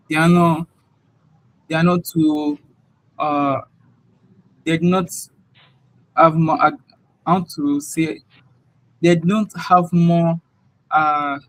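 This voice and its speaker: Young Nigerian-accented man, interviewee, slightly high voice, hesitant, casual. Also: poor audio. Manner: hesitant, searching for words.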